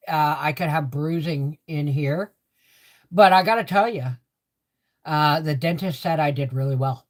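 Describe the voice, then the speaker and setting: An older woman hosts a casual livestream chat with a swollen, sore mouth from dental work. She rambles along conversationally and repeats phrases for emphasis, her words slightly muffled by the swelling. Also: low-pitched. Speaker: livestream host.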